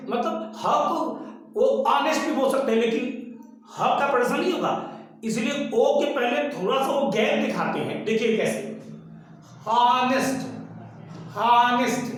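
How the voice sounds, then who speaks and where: Older male teacher, echoey and distant. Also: high voice. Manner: deliberate, spells out sounds and repeats words slowly. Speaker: English teacher. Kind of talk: pronunciation lesson. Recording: very echoey room, voice from far off the mic.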